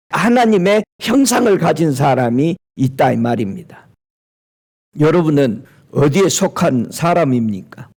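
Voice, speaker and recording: A man of middle age preaching a sermon in a high, lively voice. He keeps asking his listeners questions and talks in an easy, spoken manner. His pitch climbs and falls a great deal as he goes. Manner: preaches with rhetorical questions and a colloquial tone. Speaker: pastor.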